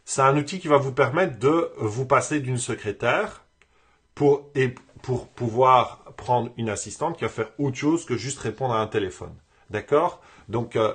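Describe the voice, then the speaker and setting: Male business coach for a live web tutorial: husky, halting and casual, repeats words as he goes. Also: mid-range voice, fairly bright tone.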